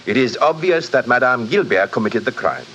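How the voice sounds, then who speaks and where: An actor playing a blunt, impatient French police inspector in a 1940s radio drama, formal and insistent, with a French accent. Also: male voice, medium pitch, animated, moderate pace, fairly bright tone. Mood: blunt, accusing. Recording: noisy muffled vintage radio broadcast.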